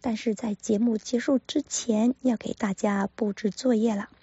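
A woman teaching pronunciation in a careful manner, repeating each sound slowly for practice. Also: fairly high pitch, steady tone, mellow, husky, dry recording, highs cut off. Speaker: language teacher. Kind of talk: pronunciation lesson.

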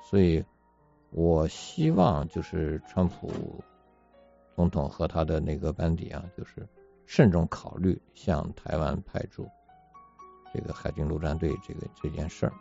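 Low gravelly man in dull lo-fi audio. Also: dark tone. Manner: measured, deliberate, rhetorical questions. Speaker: commentator. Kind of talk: casual political discussion. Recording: dull lo-fi audio with faint music.

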